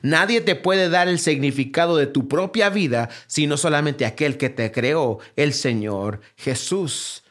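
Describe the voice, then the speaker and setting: A man preaching a sermon as pastor. He drives his points home with repeated rhetorical questions, dropping low and quiet, then rising to a raised, urgent appeal. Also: unhurried, hardly any pauses. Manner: swings between low, quiet phrases and raised, higher exhortation.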